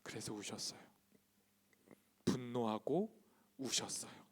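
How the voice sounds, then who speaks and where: A man's voice: medium pitch, lively intonation, slow pace, breathy edge. A man preaching a sermon to a youth congregation, emphatic and full of rhetorical questions put to the listeners. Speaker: youth pastor.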